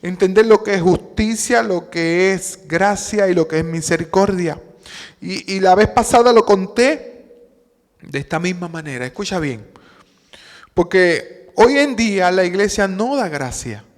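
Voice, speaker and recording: A man with a Puerto Rican accent delivers a sermon, his voice sitting high. He tells a story and acts out its dialogue calmly. The sound carries the long reverb of a church hall. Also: measured pace. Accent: Puerto Rican Spanish. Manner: storytelling, acting out dialogue in a calm voice. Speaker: pastor.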